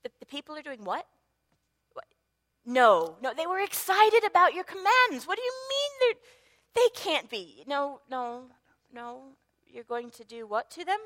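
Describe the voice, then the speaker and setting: A woman's voice: sits high, sing-song, a little slow, a bit bright, exaggerated voice. A woman playing Moses as an earnest, eager leader who pleads in a comic church skit. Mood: anxious pleading.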